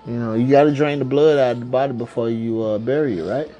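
A man's voice: medium pitch, steady tone, fast, warm tone, lo-fi sound. A man hosting a casual podcast from home, rambling along in slang and swearing freely. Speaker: podcast host. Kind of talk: casual chat.

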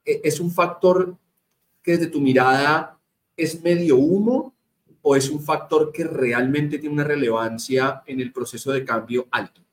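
This Colombian-accented host leads a conversational interview, speaking emphatically and straight to his guest and listeners. His voice is a little high, his tone steady, and he takes his time. There is noticeable background noise.

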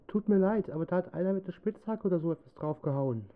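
A man's voice: high-pitched, fast, phone-quality sound, lightly acted. An actor playing a good-natured, handy young boy with a projected voice in a children's audio drama. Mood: calling out. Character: Schrotti, helpful young boy handy with tools.

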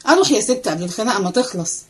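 A woman voicing a restless, cheeky young male servant with an Egyptian accent, chattering fast and excitedly. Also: mid-range voice, slightly rough. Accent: Egyptian Arabic. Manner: excited rapid chatter, running commentary.

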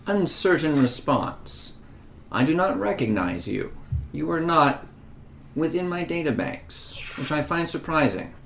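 A woman's voice: low voice, big pitch swings, measured pace, creaky, slight background noise, exaggerated voice. A woman voicing an old, outdated but defiant robot in a tabletop game, stiffly announcing each kind of sentence before saying it. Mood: puzzled, measured. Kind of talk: tabletop role-play.

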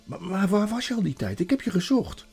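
A man's voice: high voice, big pitch swings, brisk, gravelly, darkish tone, husky, soft background music, voice pushed up, exaggerated voice. A man playing a stammering, sulky boy. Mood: pleading. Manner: stammering, hesitant. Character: sulky, hesitant young boy.

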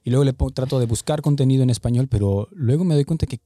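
A man, hosting a podcast in a relaxed, rambling way with hesitant restarts. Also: medium pitch, fast. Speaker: podcast host. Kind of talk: casual podcast chat.

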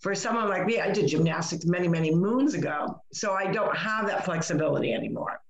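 A woman's voice: on the low side, expressive, a little fast, muffled recording, over a noisy crowd. A middle-aged woman chatting casually, rambling through anecdotes and acting out the exchanges, in a roomy, echoing recording. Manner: rambling, acts out quoted exchanges. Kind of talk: casual chatty storytelling in conversation.

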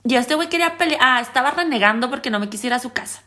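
Speaking rapid-fire in a high voice, this podcast co-host has a Mexican Spanish accent. She's animated and slangy, laughing as she recounts a story in relaxed conversation.

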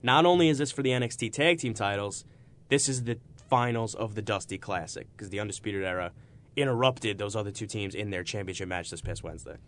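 A man's voice: lowish voice, brisk, a bit bright. A man hosting a podcast with casual, enthusiastic and emphatic sports talk. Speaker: podcast host.

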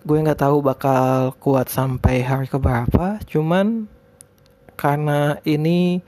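Lisping man, higher-pitched casual podcaster. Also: a little mellow. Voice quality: lisped r sounds (cadel). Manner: rambling, hesitant, informal. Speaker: podcast host. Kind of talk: casual solo podcast talk.

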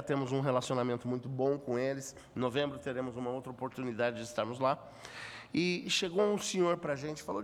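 A man's voice: medium pitch, slight background noise. A pastor in his fifties preaching a conference sermon, telling stories with humor and building to fervent emphasis. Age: 50s. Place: church hall. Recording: long reverb in a large hall.

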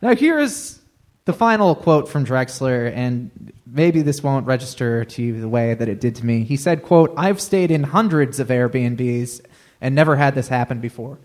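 A man's voice: mid-range voice, lively intonation, normal speed, darkish tone. A man hosting a comedic live talk show, telling a news story with wry, mock-formal asides on a comedy club stage.

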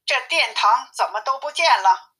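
A woman voicing a gentle, anxious male monk master who keeps asking worried questions. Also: on the high side, expressive, normal speed. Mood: fretful. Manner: fretful questioning. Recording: tinny phone-like sound.

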